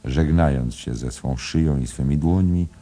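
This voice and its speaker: A man's voice: very deep voice, normal speed, mellow. A man reading a literary audiobook aloud in a rhythmic, musical way. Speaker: audiobook narrator.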